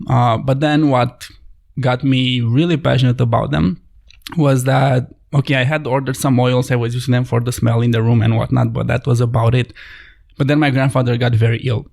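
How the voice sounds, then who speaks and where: A man's voice: mid-range voice, steady tone, moderate pace, vocal fry, darkish tone. A man from Romania, a podcast guest telling his story thoughtfully in slightly phrasing. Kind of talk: conversational podcast interview.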